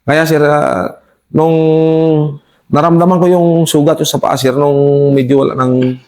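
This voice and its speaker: A man with a Filipino accent, a soldier recounting a firefight to an interviewer, halting, restarting often and politely addressing his listener as sir. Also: fairly high pitch, little pitch movement, darkish tone. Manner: deferential, says "sir" constantly, halting with many restarts. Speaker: soldier telling his combat story. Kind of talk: recounting a war story in an interview.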